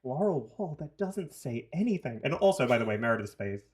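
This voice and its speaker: Podcast co-host, man, New Zealand accent, animated and scattered, swings his pitch a lot. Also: brisk. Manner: animated, jumps between topics, swears. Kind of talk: casual chat.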